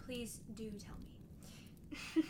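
A woman playing a playful hermit woman who tends a wounded man, talking gently and often dropping into a half-whisper. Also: slow, background noise, natural voice. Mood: teasing. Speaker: audio roleplay performer. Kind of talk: audio roleplay addressed to the listener.

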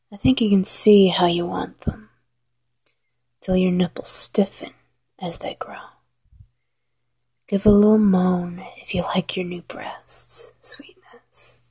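A woman whispering a slow, coaxing guided hypnosis roleplay in a soft, intimate voice. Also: on the low side, steady tone, slightly rough, low-quality recording. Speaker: hypnosis narrator.

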